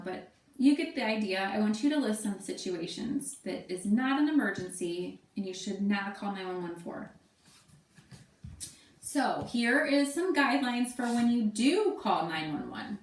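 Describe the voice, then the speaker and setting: A woman's voice: medium pitch, far from the mic. A woman teacher in her thirties giving a casual remote lesson from home, talking loosely with fillers. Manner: casual, chatty, thinks aloud with fillers. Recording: echoey room, voice away from mic.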